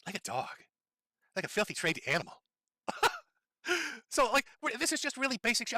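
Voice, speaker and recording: A man hosts a commentary livestream, cursing freely and mocking his subject with sarcastic jabs. His high, bright voice comes across dry and close, and he talks fast. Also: dry recording. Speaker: livestream host. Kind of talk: commentary stream.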